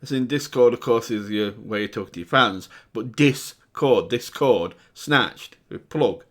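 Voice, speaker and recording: A man's voice: lowish voice, normal speed, fairly bright tone. A man hosting a reaction video, chatting casually and breaking down rap lyrics with plenty of fillers. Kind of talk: casual commentary reacting to music.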